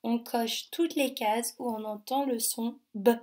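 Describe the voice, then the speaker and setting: A woman teaching young children a remote phonics lesson, sounding out each syllable slowly and carefully. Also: a little high, fairly even intonation, darkish tone.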